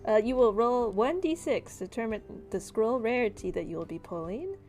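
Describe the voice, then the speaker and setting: A woman acting as game master casually narrates a tabletop game and explains its rules over background music. Her voice is a little high and darkish, with lively intonation and a moderate pace.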